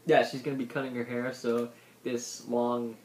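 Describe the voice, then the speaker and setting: A man's voice: medium pitch, little pitch movement, normal speed. A man in his twenties chatting casually as the host of a homemade video. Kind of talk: casual chat. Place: small room indoors. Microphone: tablet at arm's length. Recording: roomy echo, noisy tablet microphone.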